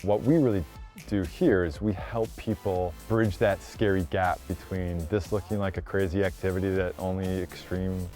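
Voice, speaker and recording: A man's voice: sits low, steady tone, moderate pace, dark tone, faint music behind. A man working as a rock climbing guide, explaining plainly and encouragingly in casual outdoor talk. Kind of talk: casual interview talk and on-location instruction. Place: outdoors on wooded trail and cliffs.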